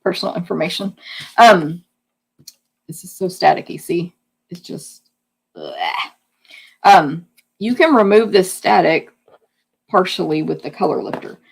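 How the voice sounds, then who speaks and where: Husky, gravelly woman teaching crafts. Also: fairly low pitch, a little slow, long pauses. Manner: chatty, hands-on explaining while working. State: losing her voice. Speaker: card-making instructor. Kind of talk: live craft demonstration.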